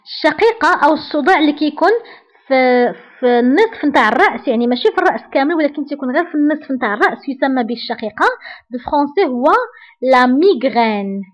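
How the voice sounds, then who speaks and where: A woman with a Moroccan Arabic accent teaching French vocabulary. She repeats each French word slowly several times. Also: high-pitched, lively intonation.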